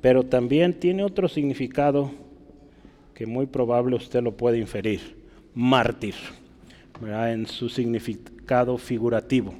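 A pastor giving a conversational sermon, often checking in with his congregation with quick questions. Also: mid-range voice, warm tone. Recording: reverberant hall.

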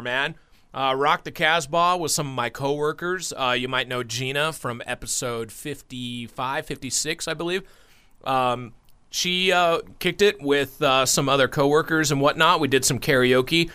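A young man co-hosting a casual podcast, chatting loosely and breaking into loud shouts and laughter. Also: medium pitch, normal speed, smooth. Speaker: podcast co-host.

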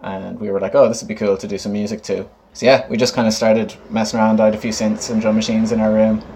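Low-voiced young west of Ireland man. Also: flat delivery, fast talker, darkish tone, a little hiss or hum. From Galway, west of Ireland. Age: late 20s. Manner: informal, often laughing. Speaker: guest, musician and DJ. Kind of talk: casual interview chat.

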